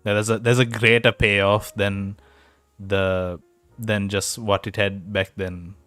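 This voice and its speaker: A man's voice: on the low side, level tone, slow pace, fairly bright tone, no echo, soft background music. A young man co-hosting a podcast, chatting casually and joking, rambling with many fillers over a home mic that sometimes cuts out. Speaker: podcast co-host. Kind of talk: casual chat. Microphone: home mic over a voice call, sometimes cutting out.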